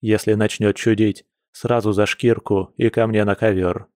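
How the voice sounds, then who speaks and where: A werewolf pack leader gives orders with calm, measured authority, voiced by a male narrator. The voice is low and even, close to the reader's own. The audiobook sound is dry and close. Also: no echo, close to an everyday voice. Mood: stern. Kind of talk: audiobook character voice.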